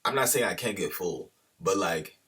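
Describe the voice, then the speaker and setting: A man's voice: sits low, animated, moderate pace, fairly bright tone, breathy edge, distant mic. A man talking casually to the camera in a loose, slangy monologue that drifts off on tangents. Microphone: camera held at a distance.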